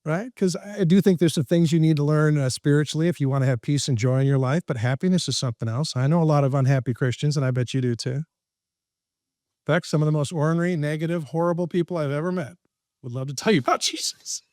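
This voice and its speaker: A man, a podcast guest who works as a professional speaker and trainer, telling stories in an animated, joking way with a confident, preacher-like rhythm. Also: a little high, fast, no room sound, studio quality. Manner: lively, jokey, laughs at his own lines. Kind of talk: animated storytelling in conversation.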